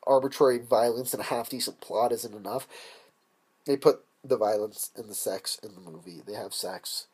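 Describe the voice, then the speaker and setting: A man's voice: lowish voice, moderate pace, a little mellow, breathy edge. Rambling sarcastic young man. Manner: rambling, profane, sarcastic, jumping into silly voices. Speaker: comedian. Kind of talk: improvised comic movie parody. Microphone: camera mic.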